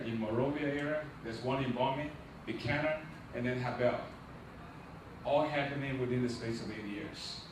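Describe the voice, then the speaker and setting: At a launch event, a middle-aged Liberian man who founded a nonprofit delivers a rousing, preacherly address, asking the audience questions and building to loud, emphatic peaks. His pitch is medium. He is heard from a distance in a big hall full of echo, with a steady hiss beneath.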